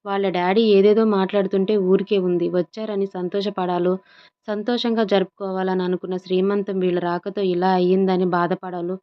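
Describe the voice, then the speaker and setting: A woman's voice: medium pitch, level tone, fairly quick, highs cut off, lightly acted. Protective big brother, read by a woman. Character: protective older brother, caring but angry.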